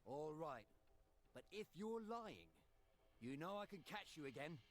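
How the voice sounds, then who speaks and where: A man's voice: fairly high pitch, big pitch swings, measured pace, pitched above the performer's own voice. A man voicing a reluctant, hot-tempered young male Viking in a game story. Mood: angry. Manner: pleading, then demanding.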